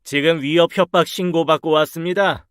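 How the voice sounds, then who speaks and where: Stiff formal young cop, curt and official, a guy playing him, fairly high male voice. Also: fairly even intonation, a little fast, fairly bright tone, clear, resonant tone, no room sound, clean studio sound, lightly acted. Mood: stern. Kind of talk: storybook dialogue.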